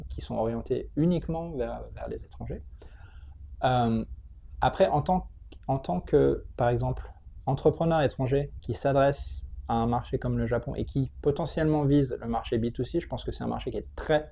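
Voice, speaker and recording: A tech training school entrepreneur answers interview questions conversationally, explaining things while hesitating and repeating words as he searches for the next one. His medium-pitched voice is creaky and dark-toned at a normal speed, with slight background noise.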